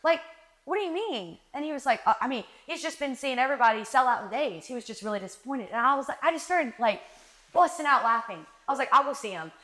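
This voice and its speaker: Lively storytelling woman with a high voice. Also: quick pace. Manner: animated, acts out quoted dialogue, frequent "like". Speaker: marketing director guest. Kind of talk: casual interview storytelling. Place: live podcast recording.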